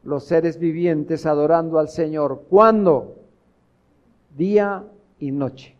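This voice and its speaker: A man's voice: a little high, fairly even intonation, slow pace, a little mellow, lo-fi sound. A man preaching a sermon as pastor, earnest, asking rhetorical questions of the congregation.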